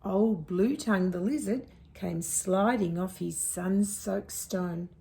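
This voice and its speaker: A woman reading a picture book to young children, pausing to ask the listeners questions. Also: medium pitch, vocal fry, warm tone. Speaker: storyteller.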